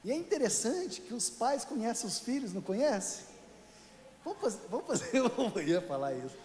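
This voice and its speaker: Male pastor from Brazil, higher-pitched voice, chatty sermon style with asides to the congregation, echoey church sanctuary. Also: very animated, fairly quick, darkish tone, a little hiss or hum. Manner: conversational, joking with the congregation; addresses listeners as "querido".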